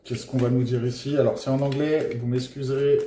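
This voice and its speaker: A man giving a casual tarot reading to his viewers, gentle and encouraging, pausing often with filler sounds. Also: mid-range voice, level tone, slight background noise. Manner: hesitant, full of filler pauses. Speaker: tarot card reader. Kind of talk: casual tarot guidance monologue. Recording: roomy echoey room.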